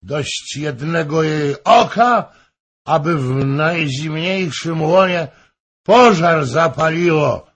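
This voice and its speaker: A man voicing a drunk, boastful male courtier who gushes loudly. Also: fairly high pitch, expressive, slow pace, creaky, slightly rough, pitched above the performer's own voice, full character voice. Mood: rapturous. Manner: exclaiming, gushing.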